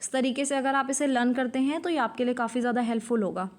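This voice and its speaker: A woman teacher walks through a spelling quiz, calling out each letter slowly and clearly. Her voice sits a touch high, and she repeats key words to check understanding. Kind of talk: spelling lesson, mixing English terms into Hindi.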